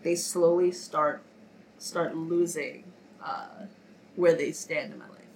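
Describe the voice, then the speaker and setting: A woman with a lowish voice talks frankly in a relaxed podcast chat. Her voice sounds slightly nasal from a cold. Faint noise sits behind her. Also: slow, poor audio. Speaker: podcast co-host. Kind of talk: casual chat.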